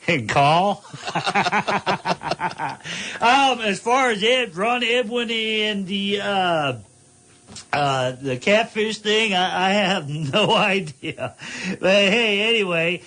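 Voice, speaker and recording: Radio fishing show host guy, chatty, laughs a lot, fairly high bright voice. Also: animated, slow. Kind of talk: radio call-in show hosting.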